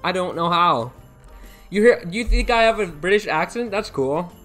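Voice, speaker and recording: This young man from the United States has a high-sitting, animated, somewhat bright voice and keeps a normal pace. He hosts a live game stream indoors at his computer over a headset mic, soft music in the background, rambling casually, repeating himself, reading chat messages, and thanking viewers by name.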